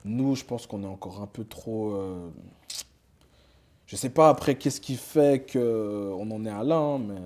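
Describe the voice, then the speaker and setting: A young Swiss rapper chats casually as a guest in an interview, loose and slangy, full of fillers and restarts. His voice is fairly low and dark in tone, and he speaks a little slowly.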